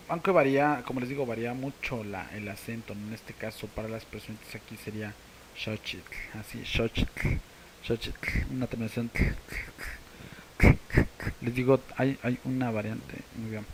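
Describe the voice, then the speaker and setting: A man with a Mexican Spanish accent, teaching a language casually to camera and slowly repeating words for practice. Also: medium pitch, steady tone, a little hiss or hum, low-quality recording.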